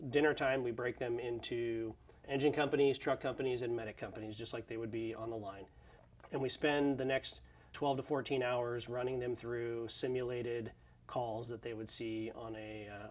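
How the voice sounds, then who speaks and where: A man, a fire academy instructor, explaining the recruits' training in an interview in a steady way with frequent fillers. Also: mid-range voice. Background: background music.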